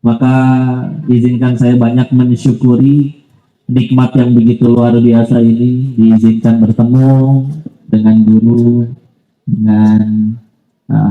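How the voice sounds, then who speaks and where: A man's voice: mid-range voice, reverberant, narrow, tinny audio. A man giving a casual, conversational sermon as a preacher, full of asides and polite apologies. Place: mosque.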